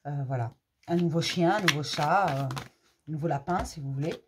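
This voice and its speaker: A woman's voice: low voice, fairly quick, noisy background. A woman giving a casual spoken card reading as host, talking directly to listeners in an informal, reassuring way.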